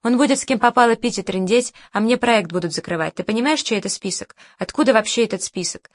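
A woman reading the part of an older male producer who hectors and bullies in crude, rough speech, in a dry recording. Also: fairly high pitch, quick pace, no room sound, close to an everyday voice. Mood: ranting. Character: older male producer, loud, bullying and hysterical.

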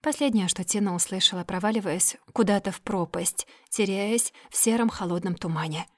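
A woman narrates a fantasy novel with an even, expressive delivery. Her voice sits mid-range, and the recording is dry and close with no room sound. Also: medium pitch, brisk, no room sound. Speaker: audiobook narrator. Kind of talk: reading a fantasy novel aloud.

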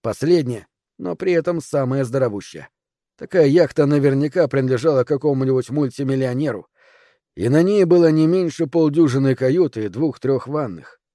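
A man reading a first-person audiobook in a measured, even voice. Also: mid-range voice, no echo, studio quality. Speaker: audiobook narrator. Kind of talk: scripted first-person narration.

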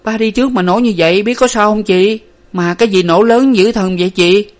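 A man's voice: high voice, fast talker, voice pushed up, natural voice. A man reading a storybook aloud, voicing a timid, fearful younger sister who whimpers anxiously.

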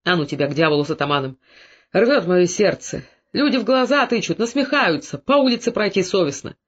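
A man reading the lines of a stern, angry Cossack father in a gruff, hoarse voice. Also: high-pitched, animated, brisk, fairly bright tone. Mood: bitter. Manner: hoarse, gruff, through clenched teeth. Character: stern middle-aged male Cossack father, wrathful. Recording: dull lo-fi recording.

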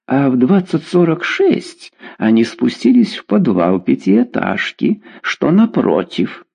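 A man reading a story aloud, voicing a nosy, sharp-eyed old woman neighbor who boasts about herself. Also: mid-range voice, very animated, slow pace, vocal fry, slightly rough, full character voice. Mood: telling. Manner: fussy, boastful.

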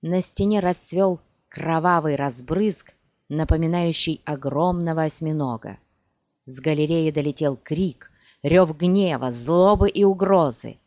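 A man reading a fantasy audiobook aloud in an animated storytelling manner. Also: a little high, measured pace, dry recording. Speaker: audiobook narrator. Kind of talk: scripted fantasy narration. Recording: dull dry lo-fi recording.

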